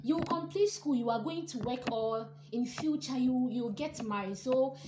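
Female podcast guest, earnest and encouraging, slightly higher voice, echoey room. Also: normal speed, noisy background. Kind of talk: casual podcast chat.

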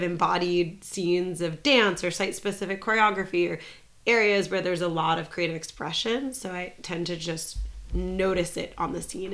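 A woman with a fairly low voice speaks as a guest in a casual interview. She thinks out loud and circles around her ideas. Her talk is loose and full of filler words. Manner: reflective, thinks aloud with frequent fillers. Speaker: podcast guest.

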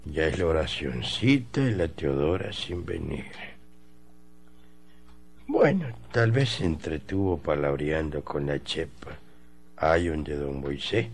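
A man's voice: low voice, fairly bright tone, heavily acted. Man playing a stingy old rancher. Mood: grumbling. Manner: groaning, drawling, exasperated. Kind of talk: radio comedy sketch.

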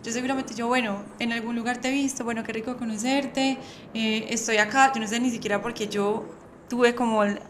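Animated woman hosting a podcast. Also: fairly high pitch, a little fast. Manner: animated storytelling, laughs often. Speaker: podcast host. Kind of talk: casual podcast chat. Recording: echoey room, faint background noise.

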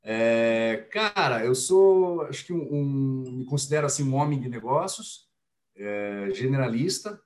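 A man in his forties with a Curitiba Brazilian Portuguese accent talks in a relaxed, friendly way as a podcast guest. His voice sits at a middle pitch, and he speaks in a loose, chatty manner. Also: measured pace. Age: 40s. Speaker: podcast guest, business executive. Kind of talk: casual podcast chat.

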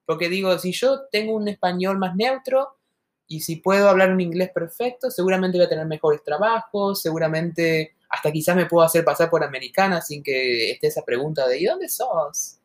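Argentine woman co-host, earnest and reflective, lowish voice. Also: fairly quick. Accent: Argentine Spanish, softened toward neutral. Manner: earnest, reflective, talks at length. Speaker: podcast co-host. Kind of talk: casual podcast conversation.

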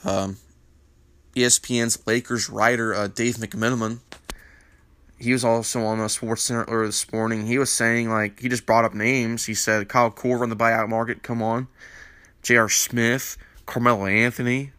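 Man, congested sinus voice, rambling sports talk, bright tone, dry close mic. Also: mid-range voice, level tone, moderate pace, no room sound. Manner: rambling, filler-heavy, opinionated. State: congested morning voice from a sinus infection. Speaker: basketball news panel host. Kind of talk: casual sports commentary.

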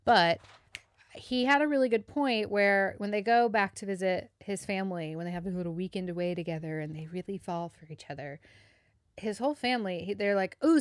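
Animated Southern woman, dry close sound. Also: mid-range voice, no echo. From American South. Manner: animated and laughing, casual swearing. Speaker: podcast co-host. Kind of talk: casual chat.

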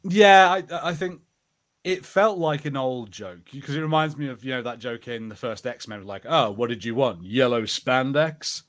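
A podcast co-host chats casually about pop culture, slipping into acted-out bits of imagined dialogue. He has a mid-range voice and speaks at a moderate pace.

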